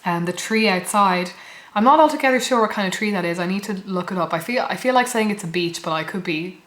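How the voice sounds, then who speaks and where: A young adult woman speaks in a hoarse voice that has partly given out, at an average pitch. She rambles casually and thoughtfully, as in a personal vlog, often pausing to rephrase. The indoor recording has a clearly roomy, echoey sound. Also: animated, fairly bright tone. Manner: reflective, hesitant, self-correcting. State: hoarse from losing her voice. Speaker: student vlogger. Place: indoors in a flat.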